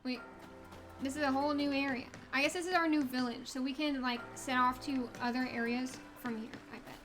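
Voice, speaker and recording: A woman with a high voice plays a video game and comments on it in a casual, chatty way. Music plays along behind her. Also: steady tone, a little fast, poor audio. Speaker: gamer playing and commenting. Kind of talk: casual let's play commentary, reading game dialogue aloud.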